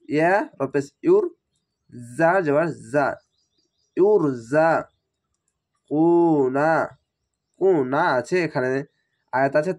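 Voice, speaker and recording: A man teaching Quran recitation letter by letter, patiently spelling out sounds and repeating rules, with a slightly strained voice from feeling unwell. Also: a little high.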